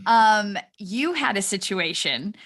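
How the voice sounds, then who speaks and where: A woman co-hosts a podcast in casual conversation. She puts her questions warmly to her partner and keeps affirming him as he talks. Her voice sits at a middle pitch. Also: animated, slow. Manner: encouraging, backchannels often. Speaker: podcast co-host. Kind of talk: casual interview chat.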